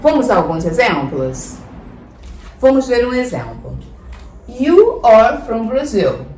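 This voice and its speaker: A woman teaching a lesson with a lively, up-and-down voice, patiently repeating examples and checking in with her listeners. She sounds a little distant from the mic in an echoey room, with faint ambience underneath. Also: fairly high pitch, slow pace, slight background noise. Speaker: English teacher. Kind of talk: language lesson.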